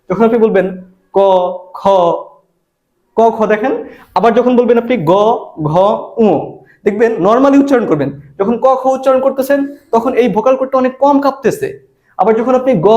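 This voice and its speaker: A man's voice: very high voice, fast, a little mellow, dull audio. A man, teaching an exam prep lesson and asking and answering his own questions. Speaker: admission exam tutor. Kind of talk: spoken grammar lesson.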